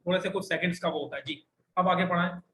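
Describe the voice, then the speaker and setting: A man with a Pakistani Urdu accent leads a classroom Arabic lesson, drawing each word out slowly for his students to repeat and stopping to correct them. His voice sits high for a man and carries through an echoey room with a faint hiss behind it. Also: fairly even intonation, fairly bright tone. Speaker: Arabic teacher. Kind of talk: classroom language lesson, streamed online.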